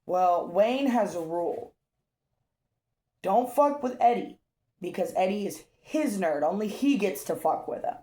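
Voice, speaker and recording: Woman, lower voice, casual tabletop game recap, roomy echo. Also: moderate pace, hardly any pauses. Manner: relaxed storytelling with frequent fillers and profanity. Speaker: game master.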